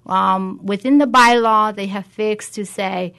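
A woman's voice: mid-range voice, steady tone, measured pace, creaky, fairly bright tone, clear, resonant tone. A woman guest, a community coordinator, giving an explanatory answer in an interview.

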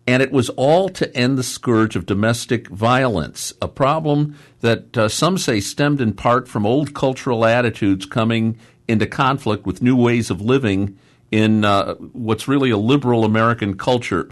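A man's voice: mid-range voice, moderate pace. A man hosting a public affairs interview, introducing topics and putting questions to guests. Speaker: host.

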